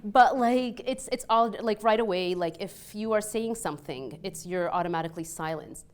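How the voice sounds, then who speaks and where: Speaking at a normal pace in a mid-range voice, this Egyptian panelist in her thirties shares personal stories casually. She's a restaurant owner and peace scholar, and her accent is mostly Canadian with a slight Egyptian Arabic touch. She's animated and talkative, often saying "like" and "you know" and dramatizing quoted conversations.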